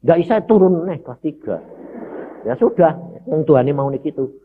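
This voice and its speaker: A man's voice: on the high side, normal speed, slight background noise. A man preaching a sermon, telling a personal story and addressing the congregation directly. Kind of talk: sermon testimony. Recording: dull lo-fi sermon audio.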